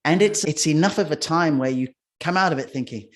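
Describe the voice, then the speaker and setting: A man's voice: on the high side, brisk. A middle-aged man, a guest in a casual interview, telling rambling anecdotes with restarts and acting out quotes. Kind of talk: casual storytelling conversation.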